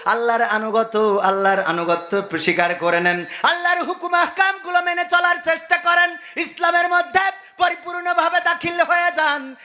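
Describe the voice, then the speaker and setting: A man preaches a waz sermon. His voice is high, bright and cutting, and he often shouts. He drives his points home with a singing lilt and repeated rhetorical questions. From Bangladesh. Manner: loud, sing-song preaching with rhetorical questions. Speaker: Islamic preacher.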